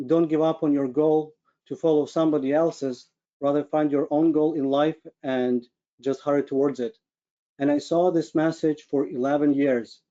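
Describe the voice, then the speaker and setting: This webinar speaker is a medical physicist from Ukraine, talking informally about himself on a video call while sharing his screen. His Ukrainian-accented voice leans high with a dark tone, and the recording has its highs cut off. He hunts for words earnestly as he goes.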